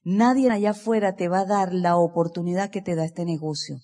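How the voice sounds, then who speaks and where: A woman giving an energetic motivational speech to a live seminar audience, asking listeners direct questions. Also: on the low side, fairly quick, long reverb tail. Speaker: motivational speaker at a business seminar.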